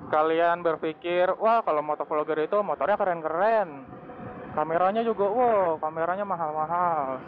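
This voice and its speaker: A young motovlogger chats casually as he rides his motorcycle through city traffic, using slang and laughing often. His voice is on the high side, captured by a wired earphone mic running from his phone into his helmet, so it sounds tinny and phone-like under loud traffic and engine noise.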